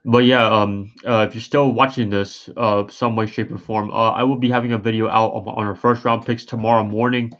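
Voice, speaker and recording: Man, low voice, tired, yawning, rambling, hesitant, lots of fillers, casual live-stream commentary, dull lo-fi audio. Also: flat delivery, fairly quick, few pauses, a bit bright. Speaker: sports streamer.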